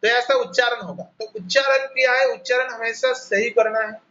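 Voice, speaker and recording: A man with a Bengali accent teaching an online class, explaining slowly and repeating each sound as he spells it out. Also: very high voice, fairly even intonation, pushed and bright, highs cut off, slight background noise. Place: home, on a video call. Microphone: laptop mic on a video call.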